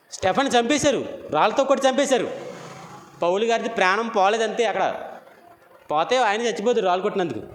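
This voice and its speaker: A man preaches in a high, rising voice, repeating his lines and firing questions at his listeners. He swings between loud, pressing bursts and softer asides. The sound is echoey, like a hall, with faint noise behind him. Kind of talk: sermon.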